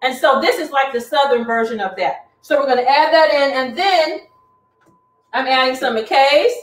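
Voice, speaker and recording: Cooking live from her own kitchen, a middle-aged host chats and gives instructions in a high-pitched voice at normal speed. A camera far across the roomy room captures her from a distance.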